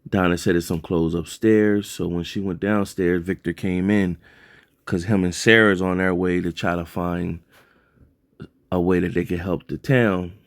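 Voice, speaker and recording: A man with a deep, low-pitched voice talks through a TV episode recap in a relaxed, unscripted way. He rambles and corrects himself, leaning on fillers and "like". The sound is dry and close, with no room around it. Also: unhurried, dry recording. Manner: loose and rambling, heavy on fillers and self-corrections. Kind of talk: casual spoken recap.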